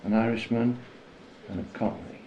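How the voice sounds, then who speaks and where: An actor playing a police sergeant who runs a formal interview and probes the witness skeptically. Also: male voice, mid-range voice, fairly even intonation, moderate pace, echoey room, muffled recording, a little hiss or hum, close to an everyday voice.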